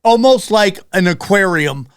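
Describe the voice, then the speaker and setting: A man's voice: high voice, lively intonation, a little slow, clean tone, dry recording, clean studio sound. A man co-hosting a podcast, trading crude jokes in casual banter and laughing often. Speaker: podcast co-host.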